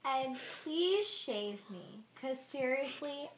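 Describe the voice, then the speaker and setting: A woman's voice: high-pitched, lively intonation, slow pace, echoey room, voice pushed up. A woman voicing a small, aggrieved talking body part that complains plaintively in a joke voicemail. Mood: whiny complaint. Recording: faintly noisy home room recording.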